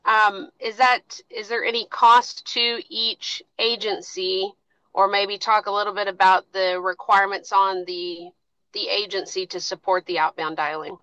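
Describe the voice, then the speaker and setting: A woman's voice: medium pitch, little pitch movement, unhurried, bright, forceful tone, no echo. A woman joining a formal meeting remotely, asking polite, hesitant questions while her call audio glitches and cuts out. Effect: glitchy audio cutting out over a call line. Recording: dull dry call line.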